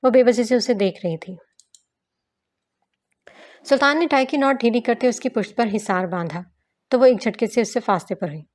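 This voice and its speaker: A woman's voice: a little high, pauses often, a little mellow. Woman reading a novel aloud. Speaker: narrator.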